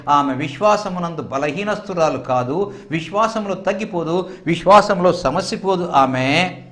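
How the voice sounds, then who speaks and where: A man's voice: on the high side, fairly bright tone. A middle-aged male pastor preaching a sermon, with many rhetorical questions and repetitions, rising and dropping sharply. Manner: rhetorical questions and repetitions, dramatic rises and drops.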